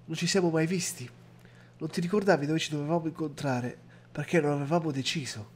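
A man reading aloud the lines of a terse, guarded young male soldier from a game, in a flat read-aloud delivery. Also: a little high, a little fast, a little hiss or hum, natural voice. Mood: quiet.

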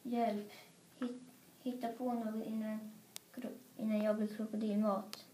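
A woman's voice: medium pitch, flat delivery, mellow, slight background noise, lightly acted. A woman reading a children's story aloud, voicing the narrator's playful older brother in a teasing way. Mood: panicked. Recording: roomy echo.

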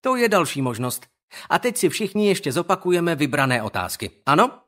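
A man's voice: fairly high pitch, very animated, a bit bright, pitched above the performer's own voice. A man voicing a firm, lecturing female schoolteacher in an audiobook. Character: brisk schoolteacher woman, firm.

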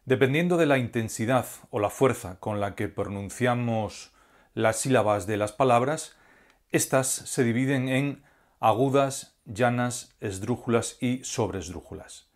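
Man slowly teaching Spanish grammar. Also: medium pitch. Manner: slow, deliberate, spells out syllables. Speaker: language teacher. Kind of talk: scripted grammar lesson.

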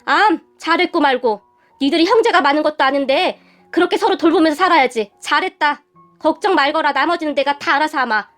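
A woman voicing a stern, protective older father-in-law who speaks slowly and commandingly. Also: high voice, a bit bright, soft background music. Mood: reassuring.

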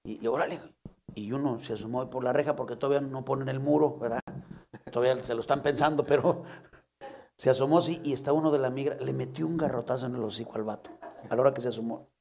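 A man's voice: medium pitch, fast, vocal fry, slight background noise. A man with a Mexican Spanish accent, a guest chatting casually and telling a story with laughter. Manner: animated storyteller, laughs often. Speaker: guest comedian. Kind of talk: casual chat.

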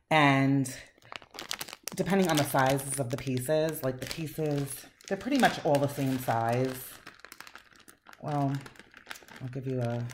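Woman with a super deep voice, chatty and gushing, echoey room with a bit of hiss. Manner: chatty, enthusiastic, rambling with fillers. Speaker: wax melt reviewer. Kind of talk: casual chat. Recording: echoey room, faint noise.

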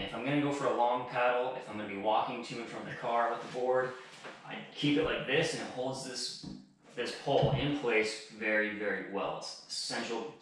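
A man in his thirties casually demonstrating paddle board gear setup, talking in a relaxed way and often repeating words as he goes. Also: medium pitch, noisy background. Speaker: outdoor gear channel host. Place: small bare indoor room. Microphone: camera on a stand across the room, later held close. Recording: very echoey bare room.

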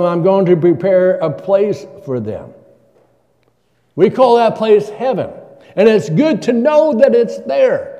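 There's a mellow, high-sitting quality to this older man's voice as he preaches as a guest from a church pulpit, conversationally questioning the congregation. The sound is lo-fi, wrapped in long church reverb.

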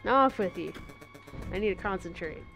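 A woman reading out a gruff card-dueling tradesman. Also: medium pitch, animated, moderate pace, fairly bright tone. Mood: dismissive. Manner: reads in-game dialogue aloud, dropping slang. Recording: game music underneath.

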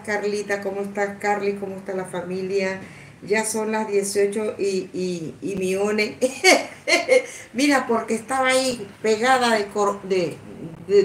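A woman hosts a casual livestream, greeting viewers by name with affectionate pet names, chatting away and laughing a lot. Her medium-pitched voice sounds distant from the mic, in an echoey room with faint background noise.

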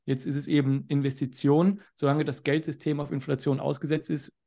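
Gravelly-voiced man, animated podcast guest. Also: fairly high pitch. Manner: animated, sometimes fast and loud. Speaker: podcast guest, finance educator. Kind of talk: casual podcast conversation.

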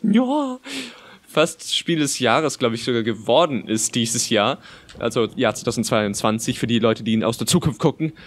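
A man giving playful commentary on a game he is playing, goofy and jumping into squeaky high outbursts. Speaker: let's play gamer.

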